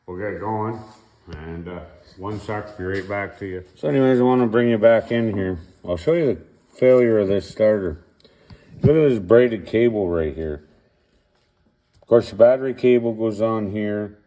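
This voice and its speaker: A middle-aged man hosts an informal repair video from his home garage despite a sore throat, with his son behind the camera. His warm, low-leaning voice keeps a moderate pace in the echoey room, rambling in a folksy way with lots of fillers.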